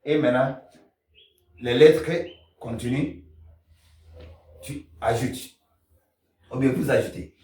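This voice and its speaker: A man teaching pronunciation, slowly drilling and repeating sounds, recorded at a distance in an echoey room. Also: medium pitch, fairly even intonation, mellow, slight background noise. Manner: slow, repetitive drilling of sounds. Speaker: language teacher. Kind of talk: pronunciation lesson.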